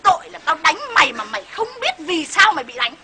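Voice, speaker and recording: A woman plays a coarse, bullying husband who yells and threatens without pause. The voice is very high and swings widely in pitch. It races along over loud background noise. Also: sing-song, full character voice. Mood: ranting. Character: bullying, shouting husband of middle age.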